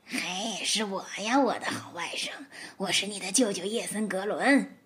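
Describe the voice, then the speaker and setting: A woman voicing a scheming, hungry male wolf who begs in a low, pitiful, fawning voice. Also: normal speed, a bit bright, husky. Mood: wheedling. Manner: wheedling, pitiful.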